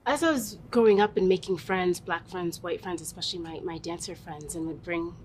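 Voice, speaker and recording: A woman's voice: a little fast, darkish tone, rough recording. A woman telling personal stories as an interviewee in a thoughtful, conversational way. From Massachusetts, US, West African parents. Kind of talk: reflective personal storytelling. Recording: noticeable background noise, low rumble.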